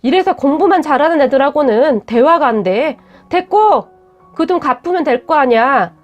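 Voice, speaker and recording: A woman's voice: sits high, animated, normal speed, lo-fi sound, soft background music. A woman voicing a curt, defensive young man who talks bluntly and scolds. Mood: blunt, angry.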